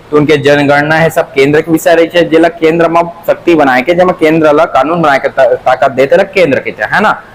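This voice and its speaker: A man's voice: a little high, low-quality recording. A man teaching an exam-prep class with a Chhattisgarhi accent, drilling answers by repeating them in a sing-song and asking and answering his own questions.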